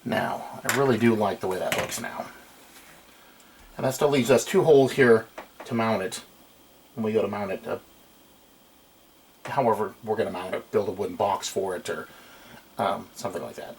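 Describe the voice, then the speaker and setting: His lowish, creaky voice moves at normal speed but with long pauses as this middle-aged electronics hobbyist casually demonstrates hands-on work at the bench, unscripted. The small-room recording comes from a nearby camera mic and carries amateur camcorder noise.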